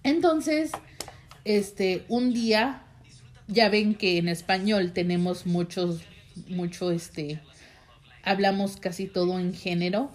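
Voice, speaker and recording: This vlogger, a young woman with a Mexican accent, speaks slowly in a medium-pitched, darkish voice while relating a personal story. Her style is casual and rambling, heavy on fillers, with frequent asides to the people watching.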